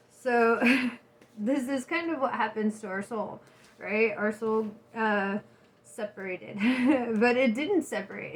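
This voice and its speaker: A stoned woman giving a loose, rambling, giggly casual rant, slangy and salty-tongued, as a vlogger. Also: a little high. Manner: giggly, laughs often while talking; salty, slangy, swears freely.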